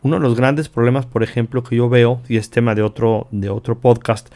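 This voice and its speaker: Mexican-born guy doing a self-help podcast, earnest, piles up repeated phrases, mid pitch, talks right at you. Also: fairly even intonation, fairly quick, mellow. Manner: addresses the listener directly. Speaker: podcast host.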